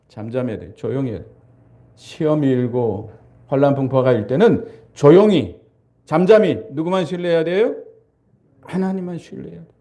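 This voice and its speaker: A man's voice: fairly high pitch, dark tone. An older man, a pastor, preaching a sermon, asking the congregation questions and answering them himself, sometimes acting out frightened crowds in a raised voice.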